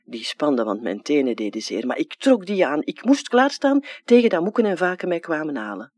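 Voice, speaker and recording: A reader performs a dramatic literary passage as a childlike, wistful dead man with a Flemish accent. The plain dialect speech swings lively from high to low at a slightly fast clip. The sound is dry and close, with no room echo.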